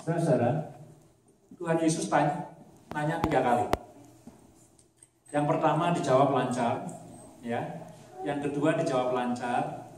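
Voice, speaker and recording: Preacher in an echoey church hall. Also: male voice, medium pitch, fairly even intonation, measured pace, long pauses. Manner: conversational, mixes English words into Indonesian, emphatic when explaining. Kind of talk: sermon. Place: church sanctuary. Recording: echoey church hall, voice from a distance, faint room noise.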